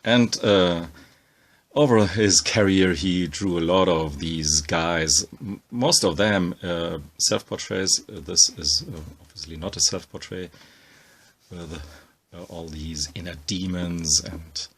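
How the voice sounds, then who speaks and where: A man with a low, gravelly voice walks through a book page by page. He talks slowly and stops often with ums and uhs as he gathers his thoughts. His tone is husky and a little rough. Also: fairly bright tone. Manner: halting, many ums and uhs, thinking aloud. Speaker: comics book reviewer. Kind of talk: casual spoken book walkthrough.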